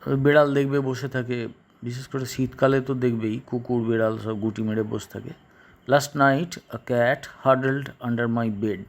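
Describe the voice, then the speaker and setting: Male teacher, slow and halting. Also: medium pitch, fairly even intonation. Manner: slow, halting, repeats and translates each phrase. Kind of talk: class lesson explaining English in Bengali.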